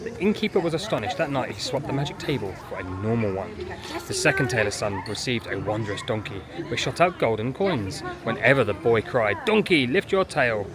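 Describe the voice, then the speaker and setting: With big swings in pitch around a medium range, a parent narrates a family theme park vlog fairly quickly in a casual walk-through style. They move outdoors and occasionally into small buildings, with a crowd, loud music and outdoor park ambience behind them.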